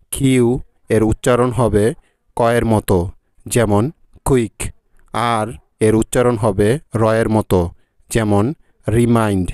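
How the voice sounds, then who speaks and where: A man's voice: fairly low pitch, a little mellow, no room sound, clean studio sound. A man narrating a scripted language lesson, spelling out letters and their sounds one at a time. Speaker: English teacher.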